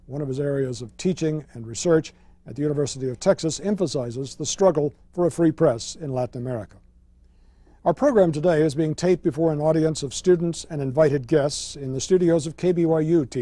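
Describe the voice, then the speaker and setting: Brief: male TV panel moderator, dark mellow tone, dry close sound, measured and formal. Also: a little high, dry recording. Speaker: host, moderator. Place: TV studio with audience.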